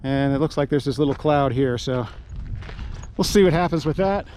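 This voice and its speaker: An American man hosting a casual outdoor vlog, speaking through a face mask in a halting, rambling way. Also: fairly high pitch. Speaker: outdoor video host. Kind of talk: casual vlog talk to camera. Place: outdoors at a mountain trailhead. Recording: noisy outdoor camera audio.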